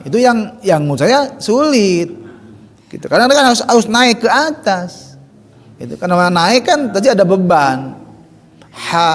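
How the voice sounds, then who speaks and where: A man's voice: high-pitched, creaky. A man teaching Quran recitation, drilling letter sounds in chanted syllables. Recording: long hall reverb.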